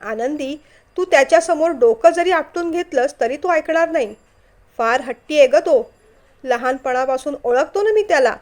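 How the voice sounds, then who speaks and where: An ailing older man who talks quietly and regretfully about an old friend, as a woman narrator puts him on. The voice stays soft and mild. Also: sits high, lively intonation, moderate pace. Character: older ill man, loyal and gentle, coughing.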